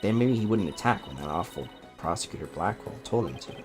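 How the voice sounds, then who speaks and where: A man's voice: low voice, expressive, brisk, over music. A man voicing an eager, cheeky young woman lawyer from a video game. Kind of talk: video game dialogue read aloud.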